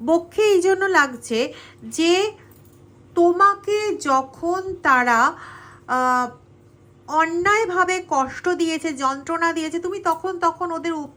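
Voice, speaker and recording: A woman with a Bengali accent, her voice high and ringing, delivers a tarot reading straight to her viewers. She speaks earnestly and coaxingly, pressing each point home. Her tone stays clear and sharp throughout. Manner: earnest, addresses listener directly with coaxing asides. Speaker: tarot reader.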